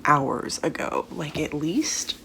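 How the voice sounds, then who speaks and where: A young woman talks casually to camera as a book reviewer, slightly lisping around a retainer. Her voice sits a little low and often drops into gravelly fry. There is faint noise behind her. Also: slow. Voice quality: slight lisp from wearing a retainer. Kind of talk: casual chatty book vlog.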